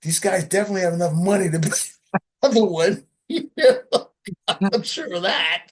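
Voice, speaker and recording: Drummer guy chatting in an interview, bit husky, kinda high voice, laughs a lot, acts out the sounds. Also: moderate pace. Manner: animated, acts out sounds and quotes, laughs often. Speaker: session drummer, guest. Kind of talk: casual storytelling interview.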